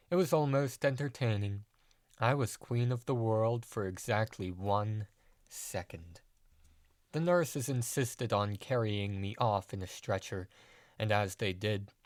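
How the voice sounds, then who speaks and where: A man narrating a dark first-person audio story in a measured, deadpan way. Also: mid-range voice, no room sound, studio quality.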